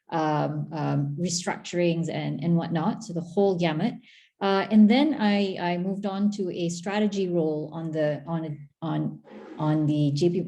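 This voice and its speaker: A middle-aged Malaysian woman with a lowish, dark voice is interviewed as a guest, a former tech agency chief. She answers in a chatty, talkative way, often restarting and using fillers.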